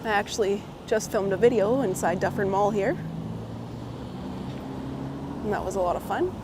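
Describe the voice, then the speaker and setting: A woman who's getting over a cold, her voice slightly hoarse, chats casually with live-stream viewers as she walks a windy city street, greeting them by name and laughing often. Her pitch is medium and her speed normal. A clip-on mic on her coat picks up her voice along with traffic and wind noise.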